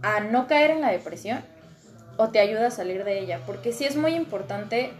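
A woman's voice: mid-range voice, expressive, normal speed, soft background music. A young woman with a Mexican accent in casual podcast chat, earnest and advice-giving, with slang. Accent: Mexican Spanish.

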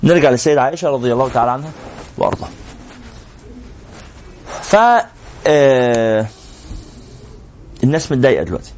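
A medium-pitched, darkish voice with lively intonation belongs to an Egyptian sheikh teaching religion to a live class, talking a little fast but pausing often. He poses rhetorical questions in Egyptian Arabic, and the muffled lo-fi recording carries a little hiss or hum.

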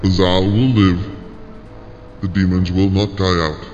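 A man voicing a proud, menacing ancient demon who speaks in slow, grandiose declarations. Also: low-pitched, flat delivery, darkish tone. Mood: imperious. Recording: dull lo-fi with long reverb and music.

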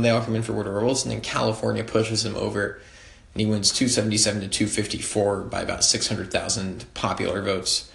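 A man's voice: fairly low pitch, creaky, a bit bright, reverberant. A man giving a casual history lecture, talking loosely with many fillers and wry asides. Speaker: history tutor.

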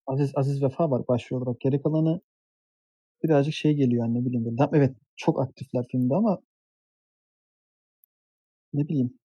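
A man's voice: mid-range voice, brisk, long pauses, dark tone, slightly rough, dry recording, highs cut off. A man chatting casually on a podcast, hesitant, with many fillers and restarts. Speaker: podcast co-host. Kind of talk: casual chat.

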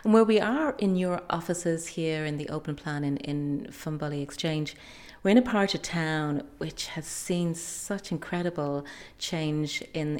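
A woman with an Irish accent, presenting a podcast and putting questions as the interviewer. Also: low-pitched.

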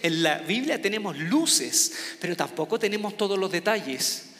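A Chilean pastor with a Chilean Spanish accent preaches an informal, conversational sermon full of restarts and self-mockery. His voice is high, expressive and a bit bright, moving at a moderate pace, and it rings out in a large hall.

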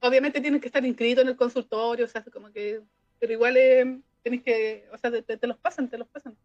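A woman with a Chilean accent co-hosting a casual podcast, talking emphatically with laughs and quick restarts. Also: on the high side, steady tone, darkish tone, dull audio. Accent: Chilean Spanish. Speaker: podcast co-host. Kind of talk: casual chat.

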